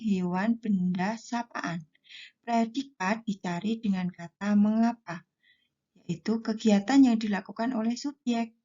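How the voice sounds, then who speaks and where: Woman, primary teacher; slow, mellow delivery with a husky edge, over a dull lo-fi recording. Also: mid-range voice. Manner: slow, deliberate explaining to pupils. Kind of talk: classroom lesson for children.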